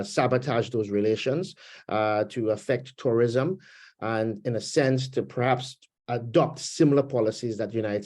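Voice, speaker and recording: A man with Trinidad and Tobago roots and a Trinidadian accent takes part in a political panel discussion, a webinar joined by video call from his home in Canada. His voice is mid-range and a little mellow. He speaks in a measured, thoughtful way, frequently stopping and leaning on fillers.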